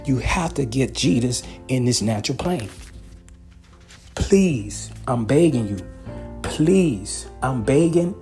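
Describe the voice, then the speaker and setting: A male preacher delivers a podcast sermon in a warm, dark voice. He pleads with his listeners, circles back to the same phrases and breaks off to check they are following. Soft guitar plays faintly behind him. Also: mid-range voice. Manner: repetitive, pleading, peppered with "okay" and "hallelujah".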